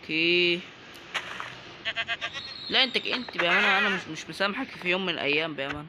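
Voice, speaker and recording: A young man with an Egyptian Arabic accent gives casual, joking commentary while he plays, chatting to the characters on screen. His voice sits a little high. Noise is clearly heard behind him. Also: animated, quick pace. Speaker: gaming YouTuber. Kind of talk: casual let's-play commentary.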